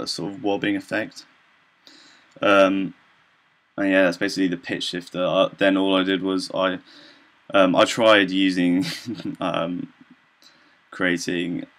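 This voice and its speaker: A young adult man, a student presenter, gives an informal software demonstration. His voice is low and a bit bright, and his delivery is hesitant and halting as he explains things loosely.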